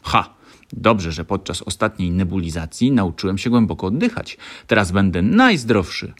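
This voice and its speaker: A man voicing a cheerful, eager young fox cub with a high childlike lilt in a children's story. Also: a little fast. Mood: excited. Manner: bright, excited childlike lilt.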